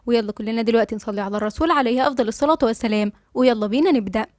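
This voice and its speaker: A woman with an Egyptian accent narrating a serialized novel in a brisk, chatty way. She reads extremely fast in a fairly high voice, and the recording is dry and close with no room sound. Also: dry recording. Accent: Egyptian Arabic.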